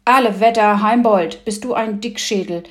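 A woman's voice: mid-range voice, lively intonation, normal speed, a little mellow, close to an everyday voice. A woman doing a cheeky sassy girl. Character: cheeky lively young girl cousin.

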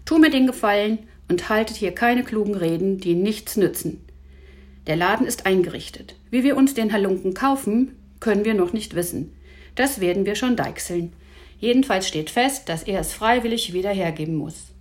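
A woman's voice: mid-range voice, normal speed, darkish tone, lightly acted. A woman voicing a bossy, clever boy who lectures his friends. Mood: lecturing. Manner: lecturing, indignant.

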